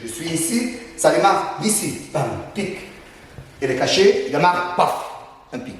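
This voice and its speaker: Male martial arts instructor, brisk demonstrations with sound words, heard from afar in a reverberant hall. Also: high-pitched, big pitch swings, distant mic, a little hiss or hum. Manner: punctuates moves with sound words. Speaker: Krav Maga instructor. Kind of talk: demonstrating self-defense techniques.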